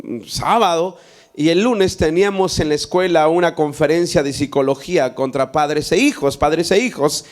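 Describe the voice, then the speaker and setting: A young man with a high, light voice, preaching an earnest sermon from his own life. He talks straight to his listeners and often restarts his sentences as he goes. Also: a little mellow. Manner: earnest testimony with many restarts and direct appeals. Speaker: pastor.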